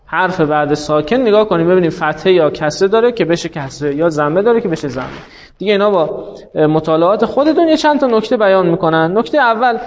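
A man's voice: sits high, a little hiss or hum. A man teaching a class, explaining step by step and asking rhetorical questions that he answers himself. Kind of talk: classroom lecture. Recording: dull lo-fi recording.

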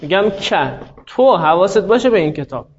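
A man teaching a classroom grammar lesson, explaining step by step and slowly spelling out example words. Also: high-pitched, lively intonation, lo-fi sound.

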